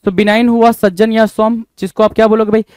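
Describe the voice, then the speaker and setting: A man's voice: sits high, level tone, fast, a little mellow, smooth, no room sound. A man teaching an exam vocabulary lesson, asking the listener rhetorical questions over and over. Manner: repetitive quizzing asides.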